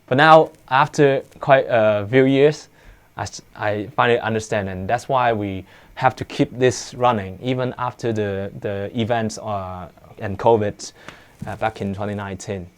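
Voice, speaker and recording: Hesitant low-voiced man. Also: steady tone, unhurried, clear, resonant tone. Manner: hesitant, many filler sounds. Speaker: studio co-owner. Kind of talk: casual interview.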